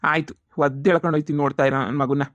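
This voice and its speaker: A quick-talking cartoon moneylender, voiced by a man, pushy and threatening as he demands payment. His comes through over a dry, close recording with no room around it. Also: a little high, steady tone, a bit bright, no room sound, close to an everyday voice. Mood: demanding. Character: pushy, foul-mouthed village moneylender man. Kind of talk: cartoon comedy voice acting.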